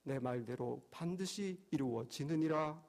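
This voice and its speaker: A pastor voicing God in a sermon as a calm, patient figure, speaking slowly, lower and gently reassuring. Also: male voice. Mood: solemn reassurance. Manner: slow, measured, gently reassuring.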